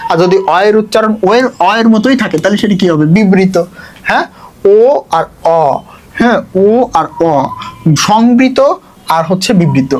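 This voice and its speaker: A man's voice: high voice, expressive, moderate pace, a little hiss or hum. Chatty male tutor. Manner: chatty, checks in often with rhetorical questions. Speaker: admission test tutor. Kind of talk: exam prep lesson.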